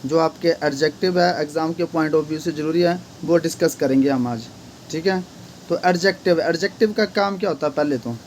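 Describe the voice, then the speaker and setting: A man's voice: a little high, normal speed, slight background noise. A man teaching an English grammar lesson, repeatedly asking questions and answering them himself.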